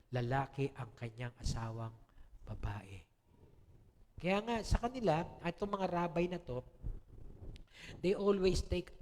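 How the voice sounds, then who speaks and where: A man's voice: fairly high pitch, darkish tone, in a large hall, a little hiss or hum. A Filipino man preaching a sermon as pastor, chatty and joking, laughing often and checking in with the congregation. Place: church hall.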